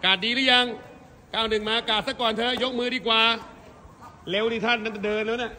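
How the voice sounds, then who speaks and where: A man coaching a taekwondo training session in a gym, calling out counts and quick drill commands. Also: very high-pitched, level tone, pushed and bright, a little hiss or hum.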